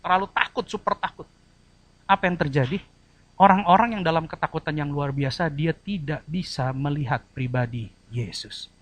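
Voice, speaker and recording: A man's voice: on the high side, normal speed, fairly bright tone, dry recording, lo-fi sound. A man preaching a church sermon, addressing the congregation directly and acting out short quoted voices. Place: church service.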